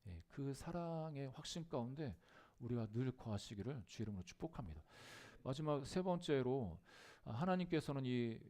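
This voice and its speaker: A male pastor delivering a Sunday sermon at a middle pitch. He speaks earnestly, slowing down and lifting his voice on key phrases, with frequent "uh" fillers between thoughts. It sounds like a church service. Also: sing-song, mellow. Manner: earnest preaching with frequent filler "uh" and rising emphatic bursts. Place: church sanctuary.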